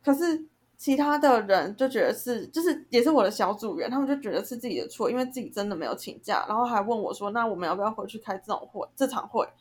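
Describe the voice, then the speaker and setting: Fast and slightly breathy, a young podcast co-host tears into a group conflict, ranting with animated, heated energy in a casual talk. Her voice is a little high.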